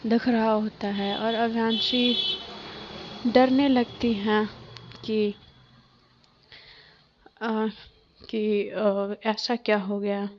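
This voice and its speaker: A woman's voice: medium pitch, level tone, drawn-out words, pauses often, highs cut off, a little hiss or hum. A woman narrating a love story casually, hesitant with frequent fillers and self-corrections.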